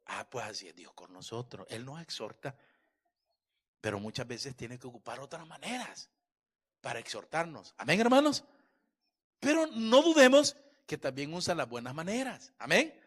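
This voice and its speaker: A middle-aged male pastor preaching a sermon in church, swinging between loud exhortation and soft, chatty asides. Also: fairly high pitch, sing-song, normal speed.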